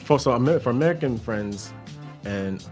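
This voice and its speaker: Faint music sits behind a young man's animated, medium-pitched voice as he talks about his clothing brand on a radio show. His tone is darkish and his pace moderate, and he's laid-back, rambling with plenty of fillers and restarts.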